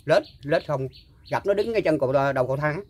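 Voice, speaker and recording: An older man, recalling a story in casual talk and pausing often with fillers and repeated words. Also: fairly high pitch, lively intonation, a little hiss or hum. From Mekong Delta, Vietnam. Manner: halting, full of fillers and repeats. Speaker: guest storyteller. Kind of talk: casual spoken recollection.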